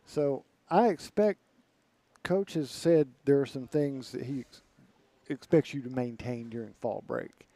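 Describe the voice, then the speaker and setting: A man's voice: mid-range voice, a little slow, dark tone, dry recording. A man hosting a sports radio show, asking friendly, conversational questions. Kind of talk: radio interview.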